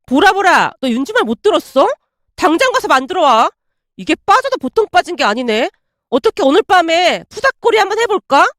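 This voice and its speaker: A woman acts out a scornful young sidekick who snaps orders in a high, lively voice. Her tone is irritable and commanding. The sound is dry and close. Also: brisk, dry recording. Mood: irritated.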